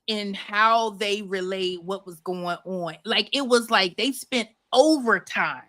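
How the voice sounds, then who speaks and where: A woman co-hosting a podcast, telling a story in a casual chat with emphatic, animated delivery. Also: mid-range voice, slow. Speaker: podcast co-host.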